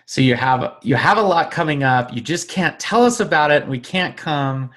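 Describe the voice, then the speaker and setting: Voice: medium pitch, animated, moderate pace, fairly bright tone. A podcast host who talks playfully and teases the guest while announcing a quiz game. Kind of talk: casual interview hosting.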